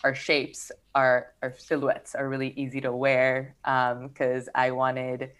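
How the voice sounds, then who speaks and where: A woman's voice: rumbling low, slow, smooth. A young woman from Peru, a fashion brand founder, chatting casually in an interview with lots of "like" and "um". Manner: relaxed, filler-heavy, lots of "like" and "um".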